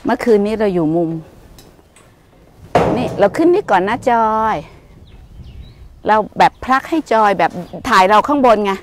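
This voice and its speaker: An older woman leading a walking tour outdoors, explaining gently and motherly, calling the listener her child. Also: medium pitch, expressive, normal speed, pauses often, slight background noise. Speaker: meditation center leader. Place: outdoors on hillside grounds.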